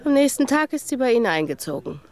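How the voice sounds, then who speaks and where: In a German radio drama, an actress plays a sharp-tongued former bar waitress who is world-wise, sardonic, and knowing. Her voice is a little high and fast, swinging widely in pitch.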